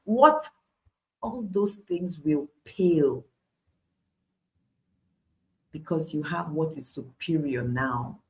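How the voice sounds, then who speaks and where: A woman's voice: sits low, lively intonation, takes it slowly, long pauses, darkish tone, rough recording. A woman with a Nigerian accent preaching a devotional Bible study in an emphatic, declarative way, repeating phrases for weight.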